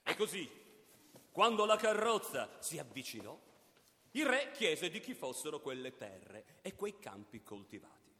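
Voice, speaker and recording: Brief: male storybook narrator, high and lively, expressive, long hall echo. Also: measured pace.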